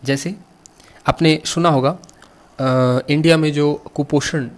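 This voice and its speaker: A man's voice: fairly high pitch, fairly even intonation. A middle-aged man with an Indian accent teaching an English vocabulary lesson, spelling words letter by letter and asking his students questions. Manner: slow, patient, asks students questions.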